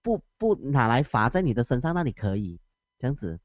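Animated teacher telling stories. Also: male voice, mid-range voice, a little fast, no room sound, highs cut off. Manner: animated, laughs often. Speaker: schoolteacher. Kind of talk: casual storytelling on a call.

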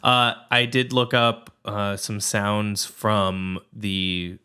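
A man's voice: fairly low pitch, little pitch movement, very slow, pushed and bright, clear, resonant tone. A man co-hosting a podcast in casual chat, easygoing, laughing often and explaining things plainly. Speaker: podcast co-host.

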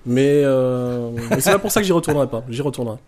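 A man with a Marseille French accent speaks as a guest in a relaxed, conversational interview. His voice sits at a middle pitch, and he tells things with a dry, tongue-in-cheek sense of humour. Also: fast talker. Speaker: guest, poker player.

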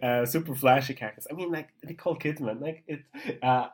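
A man co-hosting a podcast, chatting casually with frequent laughter and halting, hesitant phrasing. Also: mid-range voice, slightly rough. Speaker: podcast co-host. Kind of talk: casual chat about a TV show.

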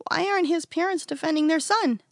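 A woman's voice: very high-pitched, brisk, no echo, clean studio sound, voice pushed up. A woman reading the part of a curious young boy in a storybook who asks questions.

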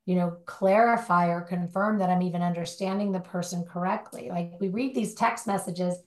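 A woman's voice: lowish voice, fairly even intonation, moderate pace. Woman with a roomy echo, saying "right?" often. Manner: talks in long run-on thoughts with many rhetorical "right?" tags. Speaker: guest, recovery life coach. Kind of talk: conversational interview. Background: dog barking at times.

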